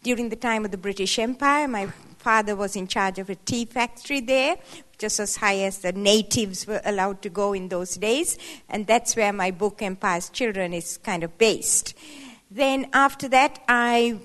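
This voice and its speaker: A playful Sri Lankan woman in her seventies is the guest speaker at a women's church event, chatting conversationally with rising, emphatic asides. Her medium-pitched voice is a bit bright, at normal speed. The hall gives the recording a long reverb.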